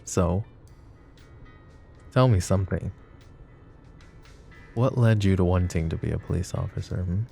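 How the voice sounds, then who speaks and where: With faint music behind him, a man acts heavily as a suave, possessive mafia boss flirting with the listener in an audio drama roleplay. His low, warm voice is unhurried and often pauses; his courtesy is smooth and silky, with a teasing, menacing undertone.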